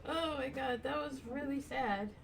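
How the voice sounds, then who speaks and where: A woman's voice: sits high, creaky, distant mic. A woman playing a tabletop role-playing game, reacting casually with swearing and playing her character. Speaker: player. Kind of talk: casual play and chat.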